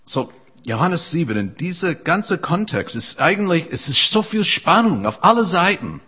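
A man preaching a sermon at a church service, earnest and halting, often restarting his phrases. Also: fairly high pitch, very animated, pushed and bright, slightly rough.

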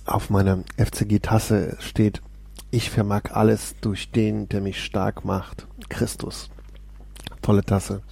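Man, devotional host, dark husky voice, eager asides to viewers. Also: lowish voice, flat delivery, slow. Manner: enthusiastic, exclaims often, speaks straight to viewers. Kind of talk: casual devotional talk with Bible reading.

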